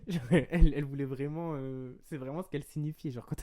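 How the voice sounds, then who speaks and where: Young French vlogger, mellow and chatty. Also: male voice, fairly high pitch, fairly quick. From France. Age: young adult. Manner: animated, chatty, quoting people in the story. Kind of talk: casual storytime.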